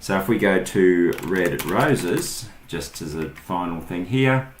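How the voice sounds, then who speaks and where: Slowly and with lively intonation, an Australian man with a low voice talks his way through a casual, unscripted online screen-share tutorial, voicing his thoughts in short snippets. The roomy recording echoes and carries a little hiss or hum.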